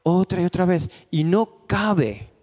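A male pastor preaches, telling stories and hammering points home through rhetorical questions and repetition. His voice sits a bit high and carries a long reverb the church hall. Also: animated, slow, darkish tone. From Spain. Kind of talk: sermon. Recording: echoey hall.

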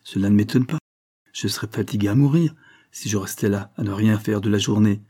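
A man voicing a sharp, scolding spinster sister-in-law who contradicts everything. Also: fairly low pitch, brisk, breathy edge. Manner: sour and contradicting.

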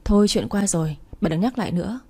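A young woman who stays cool and unbothered, speaking evenly in a mellow, low-lit voice, read by a woman. A faint husky edge sits on her words in this storybook reading. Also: fast. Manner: calm, composed.

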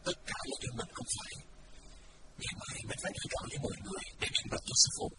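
A man voicing a young male martial disciple, earnest and guilt-ridden, speaking in a hushed, brooding way. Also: very high voice, level tone, very fast, voice pushed up. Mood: anguished. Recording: distant mic, loud background noise.

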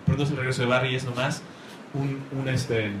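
A man with a mid-range voice speaks a little fast in a flat way, giving an enthusiastic talk on comics to a live audience. He rambles and hunts for words. The room is echoey, with faint noise.

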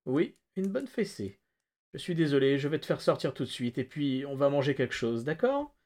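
A man voicing a sinister, mocking male stranger who taunts with false warmth. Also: mid-range voice, very animated, normal speed, close to an everyday voice. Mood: mock-friendly. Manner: silky, taunting, mock-friendly. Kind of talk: audiobook-style reading.

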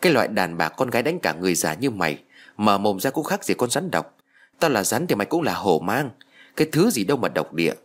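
A man voicing a spiteful, foul-mouthed old village woman who curses and wails in a shrill voice. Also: big pitch swings, fast talker. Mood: cursing. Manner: shrill, cursing, wailing.

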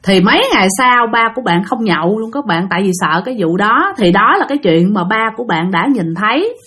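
A woman's voice: mid-range voice, animated, brisk, fairly bright tone, husky. A woman with a Southern Vietnamese accent telling a ghost story in a chatty way, often addressing her listeners directly. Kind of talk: spoken ghost story narration.

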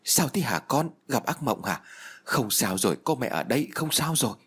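A man's voice: mid-range voice, animated, normal speed, a bit bright, husky, voice pushed up. A man voicing a frantic, tearful mother who laments and comforts her child. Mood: soothing. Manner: anguished, lamenting.

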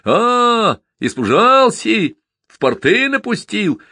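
A man voicing a brash young runaway fellow who jeers and shouts taunts at an older peasant. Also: mid-range voice, very animated, unhurried, no room sound, clean studio sound, voice pushed up. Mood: jeering.

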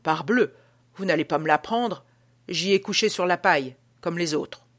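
A woman's voice: on the low side, moderate pace, close to an everyday voice. A woman voicing a strange man who speaks in a sudden eerie, commanding voice. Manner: commanding, loud outbursts.

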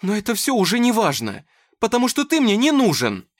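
A man voicing a heartbroken, furious young woman who shouts in a shrill, high voice. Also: huge pitch swings, brisk, dry recording, clean studio sound, full character voice. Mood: furious shouting.

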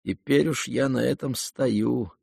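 A man voicing a dying young man, hoarse and weak, speaking quietly and tiredly with faint irony, in an audiobook reading. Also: mid-range voice, unhurried, no echo, clean studio sound, full character voice. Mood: weary. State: hoarse, near whisper.

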